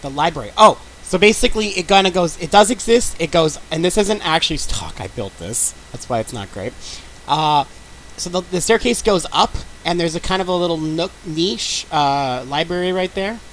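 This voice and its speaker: A man's voice: fairly high pitch, lively intonation, moderate pace, a bit bright, slight background noise, low-quality recording. A man as dungeon master in casual tabletop game talk, explaining loosely with fillers and restarts.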